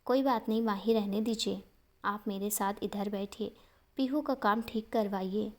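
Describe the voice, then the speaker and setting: A woman voicing a gentle, caring young husband who speaks softly and coaxes a child. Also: mid-range voice, steady tone, normal speed, close to an everyday voice. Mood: gentle, coaxing. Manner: soft coaxing, speaking kindly to a child.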